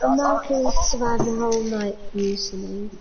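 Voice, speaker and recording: A woman's voice: on the high side, moderate pace, loud music behind the voice. A woman joking and pestering friends with playful questions in casual gaming voice chat. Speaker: gamer. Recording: muffled voice chat with loud crowd noise.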